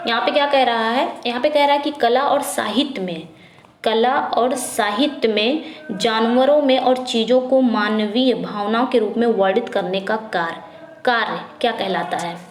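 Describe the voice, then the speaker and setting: A woman teaching an English exam prep lesson, reading questions slowly and explaining quickly in Hindi, asking and answering herself. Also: a little high, reverberant, a little hiss or hum. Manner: repetitive drilling, asks then answers herself.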